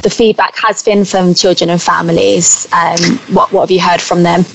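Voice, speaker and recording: A woman's voice: on the low side, fairly even intonation, moderate pace, creaky, slight background noise, poor audio. A woman hosting an interview, asking her guest thoughtful questions in a friendly way with some hesitations. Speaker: podcast host interviewing a guest.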